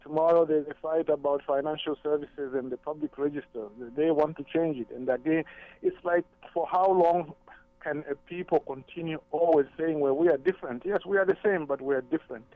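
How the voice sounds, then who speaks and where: Calling into a radio talk show as a guest, a Zambian man comes through a narrow, tinny phone line with dry sound and no echo. His slightly high voice holds a steady tone at a somewhat fast pace, and he speaks thoughtfully, often repeating words while gathering his thoughts.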